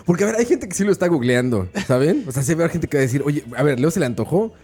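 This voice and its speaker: Husky, animated man. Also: fairly high pitch, rapid-fire. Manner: playful, teasing, says güey often. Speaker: podcast co-host. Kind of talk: casual chat.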